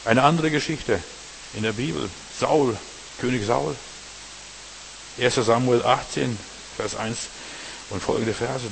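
A man preaching a sermon, emphatic, speaking straight to the congregation and swinging between loud stresses and quiet asides. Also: medium pitch, measured pace, creaky, pauses often, slight background noise, rough recording. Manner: emphatic, talks straight to the congregation with repeated tag questions.

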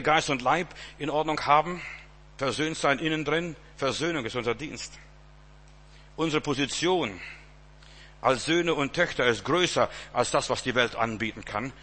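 A middle-aged man preaching a sermon, emphatic, rising loud and dropping soft. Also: mid-range voice, a little hiss or hum.

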